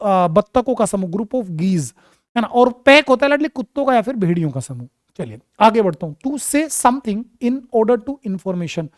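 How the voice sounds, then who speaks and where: A man teaching an exam vocabulary lesson, calling students "my child" and asking and answering his own questions, with English terms mixed into quick explanations. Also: sits high, no room sound, studio quality.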